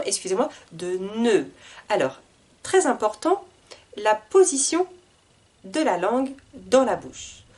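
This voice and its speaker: A woman teaching reading, drilling syllables slowly and articulating each one carefully as she guides learners through a board. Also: mid-range voice, darkish tone. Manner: talks over a board, guiding learners. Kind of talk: slow, deliberate reading lesson.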